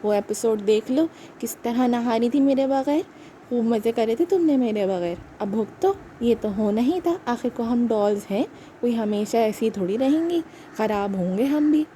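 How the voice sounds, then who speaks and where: A woman's voice: animated, moderate pace, mellow, a little hiss or hum, natural voice. A woman voicing a drowsy, teasing older sister doll in a children's puppet show. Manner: drowsy, mocking, lower-voiced.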